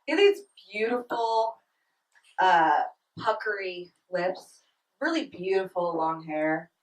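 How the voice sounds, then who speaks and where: A woman's voice: fairly low pitch, animated, takes it slowly. Giggly young woman doing stand-up. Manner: giggly, breaks into laughter mid-line. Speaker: stand-up comedian. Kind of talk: stand-up comedy set. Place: small comedy club stage. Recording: roomy club sound from a distant mic.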